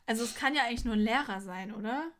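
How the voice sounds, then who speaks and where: A woman's voice: a little high, racing, a bit bright. A young woman co-hosting a podcast, chatting casually and retelling scenes with quoted lines and frequent laughter. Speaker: podcast co-host. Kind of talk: casual chat recapping an episode.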